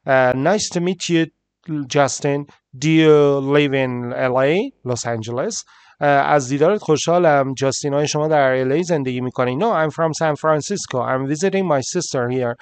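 A male English teacher explaining a listening lesson, saying English examples slowly and explaining them quickly. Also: on the high side, clean tone, dry recording.

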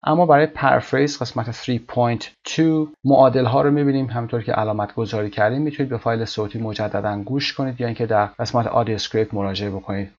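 Going word by word through an English vocabulary lesson, a man explains each term and carefully, slowly reads out English example sentences. His mid-range voice has fairly even intonation and a darkish tone, with the high frequencies cut off.

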